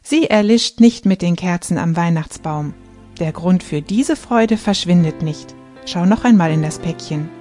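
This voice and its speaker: A woman reading the lines of a gentle divine voice that speaks of peace, joy and love, in a solemn storytelling manner. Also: lowish voice, a little slow, faint music behind, close to an everyday voice.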